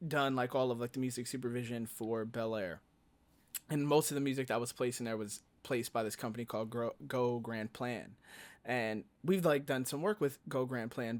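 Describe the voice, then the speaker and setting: Podcast host guy, mid voice, animated, says like a lot, acts out little quotes. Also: mid-range voice. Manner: animated, lots of "like" fillers, acts out quoted reactions. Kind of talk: casual podcast conversation.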